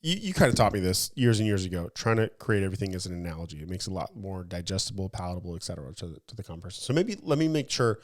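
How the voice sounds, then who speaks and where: His low voice has lively intonation, and he talks rapid-fire with hardly any pauses. Co-hosting a casual podcast, he reasons through analogies, poses leading questions to his partner, and keeps restarting.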